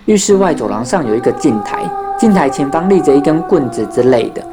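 Lively ghost story narrator. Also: mid-range voice, brisk, over music. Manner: acts out children's voices in dialogue.

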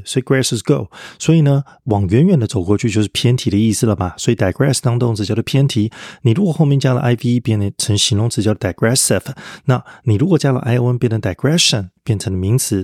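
A man's voice: lowish voice, darkish tone, dry recording, studio quality. A man teaching English vocabulary in a podcast lesson, explaining word roots step by step and spelling words out letter by letter.

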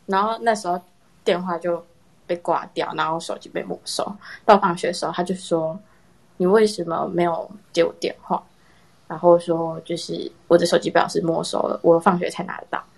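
A young woman casually telling a personal story in a chat with friends, animated and laughing often. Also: on the low side, a little fast, gravelly, husky. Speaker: storyteller in a horror story contest.

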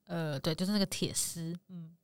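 A woman's voice: fairly low pitch, steady tone, fast, no room sound, studio quality. A young Taiwanese woman co-hosting a casual chat podcast, speaking with braces that slightly slur her articulation, with a teasing, feisty banter. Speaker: podcast co-host.

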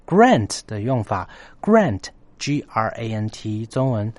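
A man's voice: fairly low pitch, big pitch swings, slow, darkish tone, dry recording. A man hosting a story-based English lesson, emphatic, often repeating phrases and spelling words out letter by letter. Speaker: English teacher and host.

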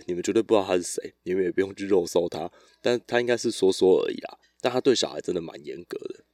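A man, chatting alone on his podcast in a loose, meandering storytelling style. His voice sits very low and is recorded dry and close, with no room sound around it. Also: no room sound. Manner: relaxed, rambling storytelling with restarts. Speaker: podcast host. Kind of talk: casual solo podcast chat.

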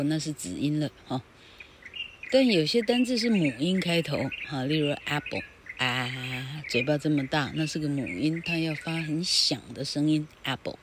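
A woman's voice: low-pitched, background noise. A woman teaching grammar in a casual, rambling way, spelling words out letter by letter. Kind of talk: casual spoken lesson.

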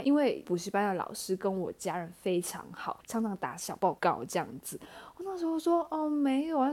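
A young woman, hosting a casual solo podcast and telling stories in a chatty, animated way. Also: mid-range voice. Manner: chatty, animated, acts out her own past lines. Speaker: podcast host.

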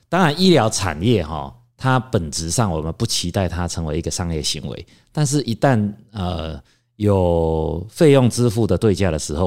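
A man, a lawyer explaining legal points in a measured way, full of drawn-out fillers. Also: low-pitched, darkish tone. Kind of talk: discussion.

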